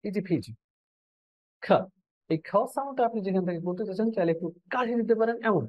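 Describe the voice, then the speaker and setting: A woman's voice: mid-range voice, lively intonation, fast, dark tone. A woman teaching pronunciation, drilling each sound and word one by one, switching between Bengali explanation and English examples. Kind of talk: pronunciation lesson.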